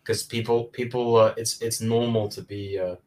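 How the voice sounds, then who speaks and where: A man's voice: mid-range voice, flat delivery, normal speed, a little mellow. A man who is a guest on a casual livestream chat over a video call, speaking with dry, teasing humor.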